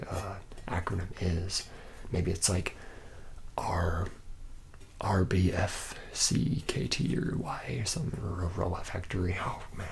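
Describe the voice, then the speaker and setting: A male actor with a low, gravelly voice plays a charming barfly robot mechanic, a charismatic, boozy slacker and womanizer. In an intimate, improvised ASMR roleplay with noticeable noise, he rambles in slangy, buddy-buddy fashion, a little self-deprecating, addressing the listener as his trainee.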